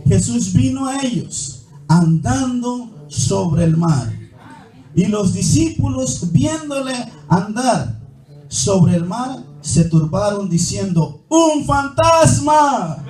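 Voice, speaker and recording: A man's voice: very high voice, mellow. A male preacher giving a sermon, reading scripture aloud with commentary and calling the listeners "hermano". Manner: calls the listeners "hermano" again and again. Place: church hall. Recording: echoey church hall, mic far off, faint music.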